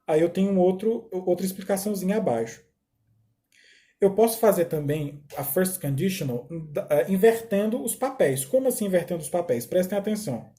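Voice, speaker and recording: A Brazilian man teaching a recorded English lesson, explaining slowly, repeating phrases and checking understanding with short "tá?" tags. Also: sits high, expressive, dark tone.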